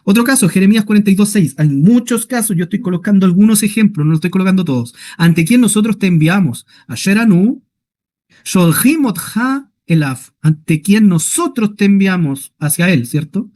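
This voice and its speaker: A man teaching a Hebrew class in Spanish who explains step by step, checks in often with short questions, and reads Hebrew words out slowly. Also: sits high, expressive, warm tone. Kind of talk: online class lecture.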